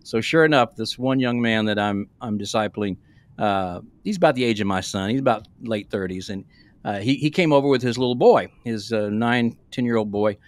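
A sixty-something pastor co-hosts a casual podcast conversation, rambling in a folksy manner. He joins by remote video call from a small room, with a close podcast microphone and no room sound, speaking at normal speed in a voice on the low side.

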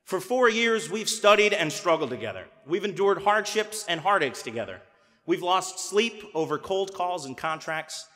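Young male commencement speaker, bright forceful oratory, podium mic, long arena reverb. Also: high-pitched. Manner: rousing oratory, rises to shouts. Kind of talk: formal commencement speech. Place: large arena stage at a podium. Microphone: podium microphone.

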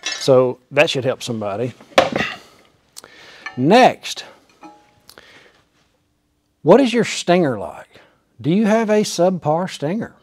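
A man's voice: fairly high pitch, big pitch swings, slow pace, long pauses, darkish tone, husky. Folksy man teaching in a workshop. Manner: folksy, emphatic, demonstrating with gestures. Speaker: welding instructor. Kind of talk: hands-on how-to demonstration. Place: small workshop with machine tools, indoors. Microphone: clip-on lapel mic.

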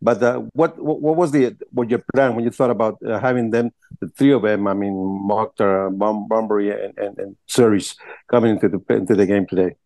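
A reporter asking a long, halting question at a press conference, repeating words as he goes. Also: on the low side, fairly even intonation, darkish tone, no room sound.

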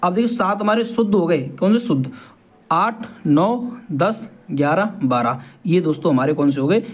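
Man, high voice, harmonium teacher, casual lesson, patient, repeats points, asks questions. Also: darkish tone.

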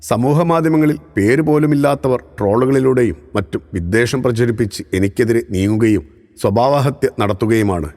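A man giving scripted news narration in a steady, formal reading voice. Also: on the low side. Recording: long reverb.

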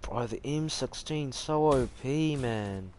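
A man's voice: mid-range voice, slow pace. A man with a broad New Zealand accent giving casual, slangy live commentary while gaming. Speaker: gaming streamer. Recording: noisy home gaming mic.

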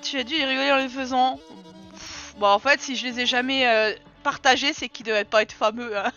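Bright high-voiced woman streamer. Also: steady tone, fairly quick. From France. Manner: chatty, teasing, talks to her game characters. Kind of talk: casual gameplay commentary. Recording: dull lo-fi sound with game music behind.

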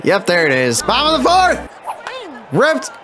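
A man calls his baseball video game live, his voice sitting very high and leaping up and down as he yells and curses at his fielders. He talks at a slow, drawn-out pace between outbursts. Game music plays clearly behind him. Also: crowd noise. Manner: excitable, swears and yells at the players. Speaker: gaming YouTuber. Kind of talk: live gameplay commentary.

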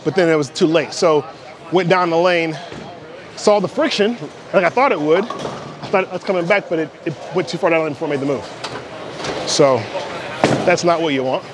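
A middle-aged American man with a fairly high voice casually reviews and demonstrates a product inside a large indoor bowling alley, explaining in short conversational bursts at normal speed with long pauses. A crowd can be heard, and clattering bowling alley noise and ambience fill the recording.

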